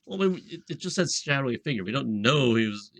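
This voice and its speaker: A man's voice: medium pitch, animated, fast talker, no room sound. A man playing a fantasy text game, switching between casual chat and dramatic narration.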